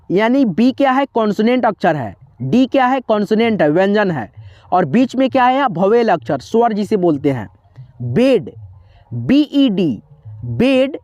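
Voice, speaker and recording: Woman teacher, fairly high voice, dry close sound, deliberate spell-it-out delivery. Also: a little mellow, no room sound, lo-fi sound. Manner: slow and repetitive, spells words out letter by letter, quizzes listeners. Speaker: English teacher. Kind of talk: classroom-style spelling lesson.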